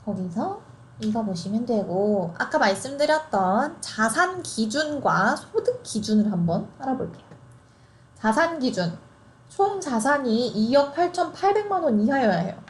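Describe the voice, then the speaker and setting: Here a twenty-something woman explains housing programs in a relaxed, chatty way, with frequent laughter and rhetorical questions. Her voice is a little high and sing-song, her pace measured, and a slight hiss or hum sits in the audio.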